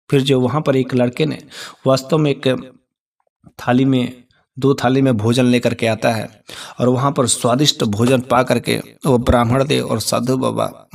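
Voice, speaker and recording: A man narrating a devotional story, acting out the characters' voices in animated fashion. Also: fairly high pitch, gravelly, distant mic.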